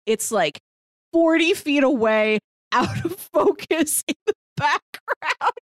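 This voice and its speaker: With a high, sing-song voice and a slow pace, this podcast co-host rambles through stories while casually discussing a TV drama. The audio is clean studio quality with no room sound.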